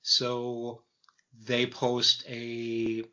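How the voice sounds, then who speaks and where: A man in his fifties co-hosting a film podcast, talking in a measured, thoughtful way with frequent pauses. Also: mid-range voice, completely flat delivery, pushed and bright. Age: 50s. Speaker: podcast host. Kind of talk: casual film discussion. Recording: dull lo-fi podcast audio.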